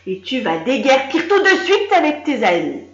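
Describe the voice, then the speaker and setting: A woman's voice: high voice, very animated, moderate pace, fairly bright tone, pitched above the performer's own voice. A woman voicing a grumpy, mean old man from a children's story, scolding and mocking, in a roomy, slightly dull recording. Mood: scornful.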